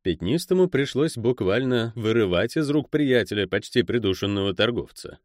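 A man narrating a fantasy novel in an expressive, lively reading. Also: medium pitch, normal speed, dry recording, studio quality. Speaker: audiobook narrator.

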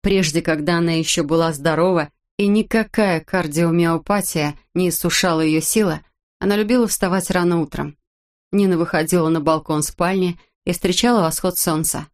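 A woman narrating an audiobook in a measured, even reading voice. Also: fairly low pitch.

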